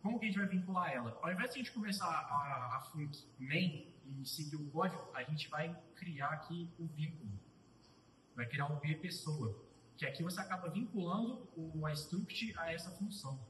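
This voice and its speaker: A student presenter, a young man with a fairly high, expressive and rather bright voice, narrates his code while typing for a live coding tutorial. He thinks out loud, pausing and starting sentences over, and sits a bit away from the mic. The room gives a roomy echo with faint ambient hum in the background.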